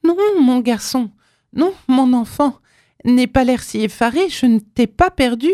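A woman's voice: mid-range voice, steady tone, normal speed, darkish tone, dry recording, studio quality, close to an everyday voice. A woman voicing a tender old mother who pleads fervently with her son in a read-aloud story. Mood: pleading. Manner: fervent, imploring.

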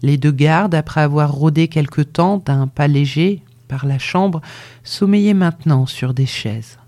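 A narrator reading a literary audiobook in a measured way, often dropping to a hushed whisper. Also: medium pitch.

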